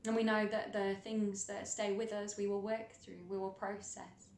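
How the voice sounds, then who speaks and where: Guiding listeners through a meditation, a woman speaks in a soothing, unhurried way with a medium pitch and level tone. Long silences separate her instructions, and the recording has a spacious, echoey quality.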